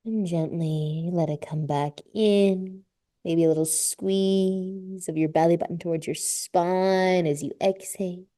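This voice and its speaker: Slow, mellow-voiced woman leading yoga. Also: fairly low pitch, steady tone. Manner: slow, soothing cues with drawn-out breath prompts. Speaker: yoga instructor. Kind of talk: guided yoga class instruction. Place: live class space.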